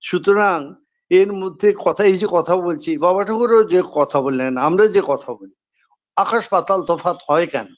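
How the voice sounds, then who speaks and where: Spiritual speaker, male, high-pitched, steady explanatory delivery, slightly dull recording. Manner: measured, explanatory, repeats key phrases. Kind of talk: devotional discourse.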